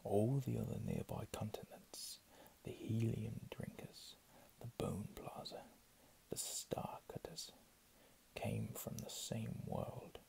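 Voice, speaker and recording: Gravelly man whispering, reading under his breath. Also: lowish voice, steady tone, low-quality recording. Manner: slow, hushed delivery. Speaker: ASMR reader. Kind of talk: ASMR whispered reading of game lore with casual asides.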